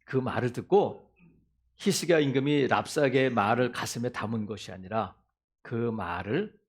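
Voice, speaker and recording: A male pastor preaching a sermon in an animated way, acting out quotes from scripture. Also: medium pitch, normal speed, husky.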